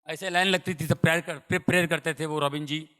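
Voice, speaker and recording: A middle-aged man preaching a sermon and sharing his testimony, speaking emphatically and repeating phrases as he swings from loud to hushed. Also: a little high, steady tone, fast talker. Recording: long hall reverb.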